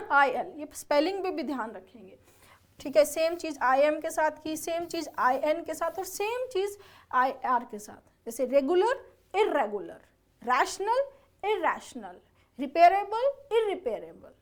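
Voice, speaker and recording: An English exam-prep teacher talks in a high, sing-song voice at a measured pace. She explains words step by step, spelling them out letter by letter and checking in with her students often.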